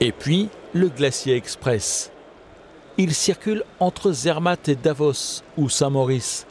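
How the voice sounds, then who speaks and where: A man giving steady, scripted documentary narration. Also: a little high, takes it slowly, slight background noise. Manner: steady, informative.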